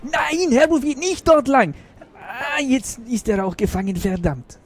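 A man's voice: sits high, animated, breathy edge, pitched above the performer's own voice, heavily acted. A man voicing a nervous, clumsy male helper who hurries and fumbles his words. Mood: flustered. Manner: hushed, hurried, flustered.

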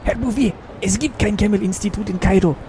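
Man playing a jittery conspirator in a comic radio sketch, raised pitch, hurried. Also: slight background noise, natural voice. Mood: flustered. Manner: hushed, hurried, flustered. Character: nervous male secret helper, clumsy and frantic.

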